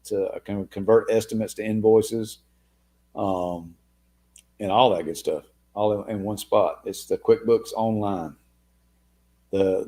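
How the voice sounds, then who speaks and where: A deep, warm-toned man fields viewer comments on a casual live Q&A stream, easygoing and calling everyone "man" or "dude." His voice is fading, worn thin.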